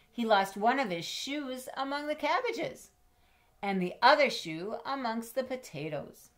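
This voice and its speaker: In a small room at home lined with bookshelves, a middle-aged woman with a fairly high voice reads a picture book aloud to children. She reads expressively, stopping in a teacherly way to explain and ask questions.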